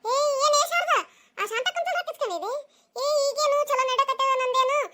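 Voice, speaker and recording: A woman's voice: very high voice, brisk, sharp tone. A woman voicing a nosy, teasing village gossip with a North Karnataka Kannada accent. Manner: teasing, prying.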